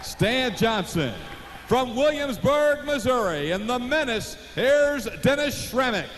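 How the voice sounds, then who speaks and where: Echoing, high-pitched American male arena announcer. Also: expressive, slow, a bit bright. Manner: booming showman delivery with stretched names. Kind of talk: driver introductions at a tractor pull show. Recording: echoey, noisy live arena PA.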